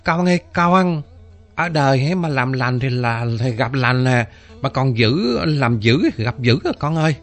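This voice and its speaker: A man's voice: medium pitch, lively intonation, measured pace, faint music behind. A man voicing a pious, fretful elderly mother who lectures and pleads, repeating her words. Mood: pleading.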